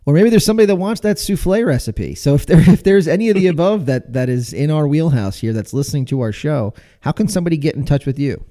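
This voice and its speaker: A man's voice: on the high side, expressive, fast, few pauses, dark tone. A man from the United States hosting a podcast interview, asking long, rambling questions with many restarts. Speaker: podcast host.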